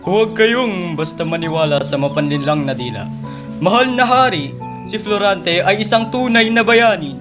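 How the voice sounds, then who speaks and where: An actor playing a noble, wronged hero, declaiming with passion in old radio drama style. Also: male voice, high voice, expressive, moderate pace, over music. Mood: indignant. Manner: declamatory, impassioned. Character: anguished, noble wronged warrior and his loyal defenders.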